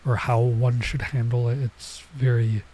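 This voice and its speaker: This male streamer speaks at a measured pace in a medium-pitched, mellow voice with little pitch movement and a faint hiss or hum. He is catching a cold, which makes him stuffed up and nasal, and he rambles in chatty asides while playing a visual novel.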